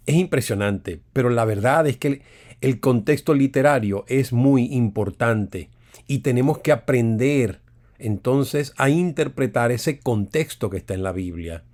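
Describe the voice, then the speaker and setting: A man's voice: mid-range voice, a little mellow. A man teaching an online Bible course, explaining step by step and repeating words for emphasis.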